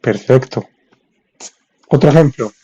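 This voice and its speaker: Guy running a live french class, mellow voice, reads the chat and spells stuff out slowly. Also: mid-range voice, slightly rough, lo-fi sound. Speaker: French teacher. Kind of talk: live-streamed language lesson.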